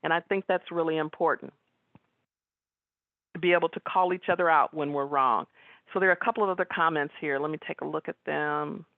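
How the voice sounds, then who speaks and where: A woman giving a webinar talk as guest speaker, chatting with the audience and pausing on fillers. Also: low voice, steady tone, no echo. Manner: conversational, frequent fillers. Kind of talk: webinar presentation with audience questions. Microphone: video call. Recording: tinny phone-like line.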